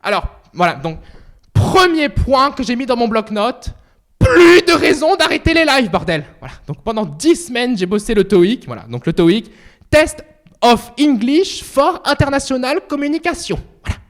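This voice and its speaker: A man in his twenties chatting casually on a livestream, excitable and playful, swearing often and breaking into outbursts. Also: extremely high pitch, normal speed. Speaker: streamer.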